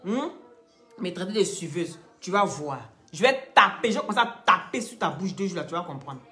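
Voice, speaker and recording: A woman hosting a live stream, teasing and scolding commenters in a chatty way and pitching products to viewers. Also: expressive, normal speed, fairly bright tone, soft background music. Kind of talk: casual live-stream chat and sales pitch.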